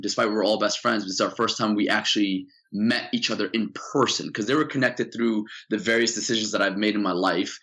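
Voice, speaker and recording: A young man, originally from Saudi Arabia, telling his life story as a guest in a casual interview, earnest and full of fillers. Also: lowish voice. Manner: earnest, animated, many fillers. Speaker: podcast guest.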